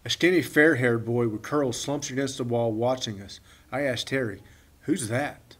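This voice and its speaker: A man giving an expressive storybook narration in the first person. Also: medium pitch, normal speed. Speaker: audiobook reader.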